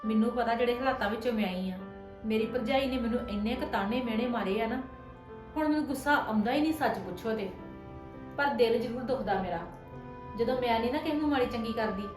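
Here the daughter-in-law of a family drama, a hurt young wife earnest and fed up with blame, is lightly acted by a woman. She pleads and defends herself in fast, higher-pitched speech, over a roomy echo and low music.

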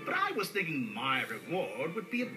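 An actor playing a scheming, grandiose little cartoon villain, theatrical and mock-polite, heard from a television. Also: male voice, fairly high pitch, huge pitch swings, normal speed. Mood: smug, menacing. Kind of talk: animated cartoon acting. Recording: played from a television, re-recorded. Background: cartoon music.

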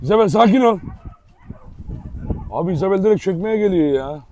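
High-voiced man calling to his dogs. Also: expressive, fairly quick. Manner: chatty, often shouts commands at dogs. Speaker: dog owner and channel host. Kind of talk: casual vlog chat. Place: outdoors in a yard with dogs.

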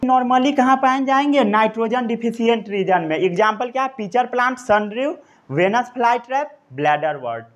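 A man's voice: very high voice, animated, normal speed. A man with an Indian accent teaching a science lesson, repeating each point, quizzing the class and dictating notes. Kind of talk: classroom lecture.

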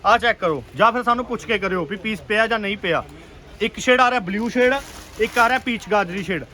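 A man with a Punjabi accent giving an urgent, repetitive, enthusiastic sales pitch as a shop seller on an online video. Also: fast talker, pushed and bright. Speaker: clothing shop seller presenting stock. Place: busy clothing shop.

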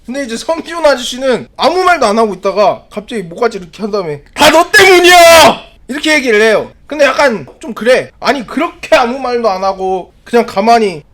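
A man's voice: very high voice, brisk, hardly any pauses. A man reviewing a drama episode in a comedic, rambling way, acting out scenes as he goes. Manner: animated, acts out scenes, rambling asides. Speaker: video reviewer.

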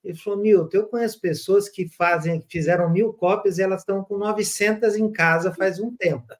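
A Brazilian man hosting a podcast, telling stories in a relaxed conversational way with frequent restarts. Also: high voice, a little fast. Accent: Brazilian Portuguese. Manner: animated storyteller with frequent restarts. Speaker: podcast host. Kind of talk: casual storytelling conversation.

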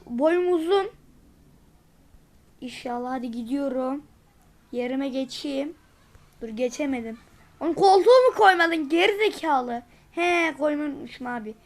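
A woman's voice: sits high, lively intonation, unhurried, long pauses. A woman giving playful, giggly commentary to viewers while playing a video game. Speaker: gameplay video host. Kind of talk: casual gameplay commentary.

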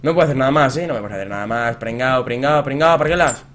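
A young man with a Spain Spanish accent giving gameplay commentary, excitable and repeating phrases as he swings between muttering and shouting. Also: medium pitch, quick pace, a little hiss or hum. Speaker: gaming youtuber.

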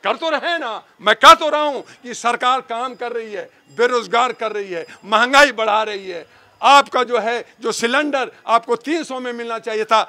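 A man argues politics in a heated back-and-forth, his voice very high and bright. He pushes his points hard and fast, stacking fillers as he goes. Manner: forceful, rapid, argumentative with repeated fillers. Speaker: street debate participant.

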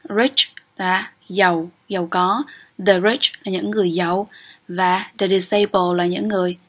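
A woman's voice: medium pitch, fairly even intonation, measured pace, fairly bright tone, breathy edge. A young woman teaching English grammar in an exam-prep lecture, explaining step by step and often checking with "ok?".

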